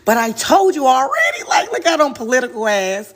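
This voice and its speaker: A woman giving a live tarot reading, telling it in an animated, slangy way with frequent exclamations and laughter. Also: high voice, a little fast. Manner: casual slangy storytelling. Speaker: tarot reader.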